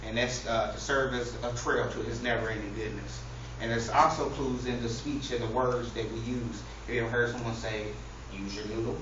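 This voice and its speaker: Before an audience in an echoey room, a man gives a lighthearted, informal speech with a mock-earnest, preacher-like flair. He speaks fairly quickly with few pauses, in a medium-pitched voice with fairly even intonation. The audio is muffled, noisy, distant, and very echoey.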